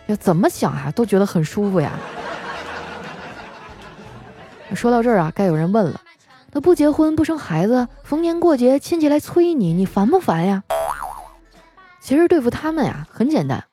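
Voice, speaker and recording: A woman radio host telling comic stories about her family, chatty, with drawn-out particles and frequent laughs. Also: a little high, sing-song, mellow. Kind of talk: comic storytelling monologue. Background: faint background music.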